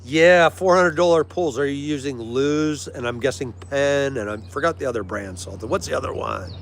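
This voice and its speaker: An American man hosts a livestream, chatting casually, agreeably, and in a friendly way with his live viewers. He speaks at medium pitch and normal speed, with clear background noise that sounds like a vehicle.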